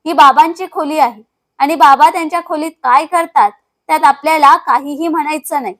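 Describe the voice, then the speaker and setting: A woman's voice: high voice, fairly quick, a bit bright. A woman reading a dismissive, bullying young husband. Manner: dismissive, harsh.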